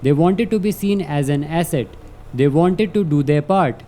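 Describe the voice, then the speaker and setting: A man delivering a scripted motivational monologue in an earnest, instructive way with measured, declarative sentences. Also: fairly high pitch, mellow. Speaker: vlogger.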